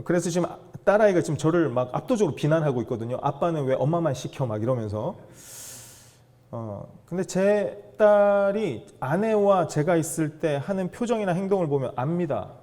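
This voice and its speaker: A man giving a storytelling lecture to fathers, animated and acting out the dialogue he quotes. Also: on the high side.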